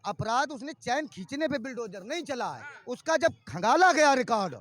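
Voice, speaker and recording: A man argues his side forcefully in a street interview. His voice sits very high. He speaks emphatically and pushes back on the questions. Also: big pitch swings, normal speed. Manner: emphatic, argumentative.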